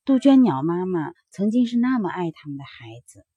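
A woman narrating a children's bedtime story in a gentle, expressive storytelling manner. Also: fairly low pitch, normal speed, husky, dry recording, muffled recording.

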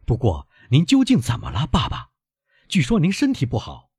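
A man's voice: mid-range voice, huge pitch swings, normal speed, a little mellow, breathy edge, dry recording, clean studio sound, pitched above the performer's own voice, exaggerated voice. A man reading an audiobook, voicing an earnest young sailor son who is devoted to his father, with an emphatic, pleading manner.

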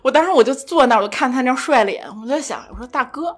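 Animated young woman telling a funny story. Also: high voice, racing. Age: young adult. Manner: animated, self-mocking, laughs often. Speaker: podcast guest. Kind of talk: casual storytelling chat.

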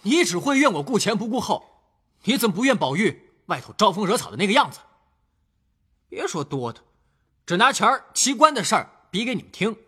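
An actor playing a hot-headed, blunt and quarrelsome young man in an audio drama, loud and blustering with a husky edge. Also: high-pitched, big pitch swings, a little fast, full character voice. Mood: angry.

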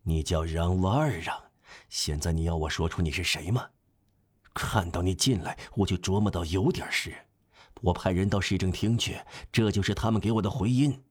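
A man's voice: deep voice, normal speed, a little mellow, breathy edge. A man voicing a male innkeeper who turns a guest away with clipped, firm refusals, in an audiobook reading. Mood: cold. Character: male innkeeper, curt and unyielding.

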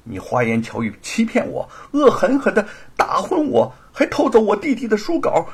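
Guy doing a husky furious sister lady, loud and high. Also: huge pitch swings, moderate pace, exaggerated voice. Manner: shouting in outrage. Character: indignant elder sister, furious woman.

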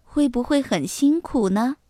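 A woman doing a gentle, worried mother fox. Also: high-pitched, expressive, measured pace, no room sound, clean studio sound. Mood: caring. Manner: soft, fretful, encouraging. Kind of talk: children's storybook reading.

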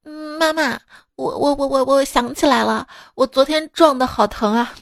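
A woman's voice: high voice, fairly even intonation, normal speed, vocal fry, dry recording. Woman putting on a naive little girl. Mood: whimpering. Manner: childish, stammering, pleading.

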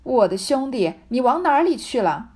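A woman voicing a drunk, fawning, boorish young man who coaxes loudly. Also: high voice, big pitch swings, moderate pace, husky, pitched above the performer's own voice, full character voice. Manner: loud wheedling coaxing.

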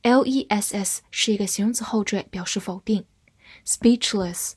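A woman giving a scripted English vocabulary lesson, spelling words out letter by letter and reading example sentences slowly. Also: medium pitch, slightly rough, no room sound, studio quality.

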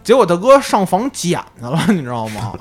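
A man with a Beijing accent chatting casually as a podcast co-host, telling childhood stories in an animated way and swearing freely. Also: sits high, a little fast, soft background music.

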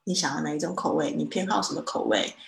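A woman gives a live online English lesson, explaining each phrase step by step and saying it slowly to model it. Her low voice has a gravelly edge. The recording is roomy, with a faint noise underneath. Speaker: English teacher.

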